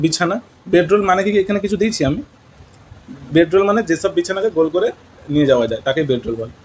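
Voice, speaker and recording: A man from West Bengal, India, with a slightly high voice and a West Bengal accent teaches English in Bengali, blending in English words and questioning his students. The audio is poor, with slight background noise.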